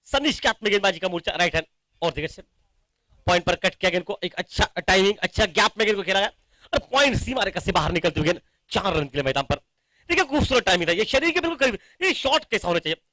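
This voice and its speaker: An Indian man giving excited live cricket commentary as the commentator, with emphatic analytical asides to the listener. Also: high voice, fast, no room sound, low-quality recording.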